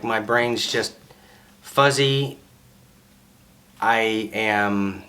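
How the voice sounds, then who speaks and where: A frank, dry-witted man in his fifties chats casually for a home vlog. He keeps his sentences short and plain, stating hard things bluntly and slipping in deadpan jokes. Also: medium pitch.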